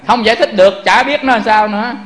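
A man's voice: high voice, quick pace, a bit bright. A man giving a Buddhist sermon, often turning to the audience with rhetorical questions. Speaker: Buddhist preacher. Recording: echoey room.

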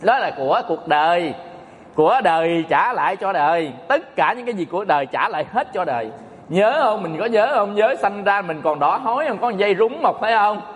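Joking monk, high voice. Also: male voice, animated, fairly quick. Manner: folksy, joking, addresses audience often. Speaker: Buddhist monk teacher. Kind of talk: Dharma talk sermon. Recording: echoey hall reverb.

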